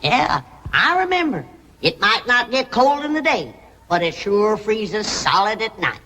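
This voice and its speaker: A woman's voice: medium pitch, very animated, measured pace, sharp tone, full character voice. A woman playing a cantankerous old granny in a 1960s TV sitcom, scolding in plain country talk with a rural Southern accent. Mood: grumbling. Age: older. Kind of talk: 1960s television sitcom acting. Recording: noisy old TV soundtrack, audience laughter.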